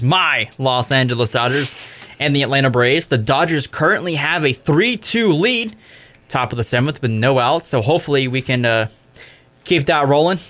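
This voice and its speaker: A man's voice: on the high side, a bit bright. Young male college radio host reading scores and stats, loose and chatty, often corrects himself. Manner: casual, fills with "I mean", corrects himself. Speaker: sports show host. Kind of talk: college radio sports recap.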